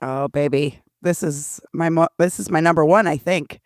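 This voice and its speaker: A woman competing as a guest on a trivia podcast, bubbly and chatty, quick to laugh along. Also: low-pitched, no room sound, studio quality. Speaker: guest contestant. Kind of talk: casual banter on a trivia podcast.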